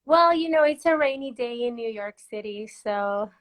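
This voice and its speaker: A young Peruvian woman is a guest in a casual video-call interview, her voice on the high side, animated, at normal speed. She's chatty and laughs often, with many fillers and restarts.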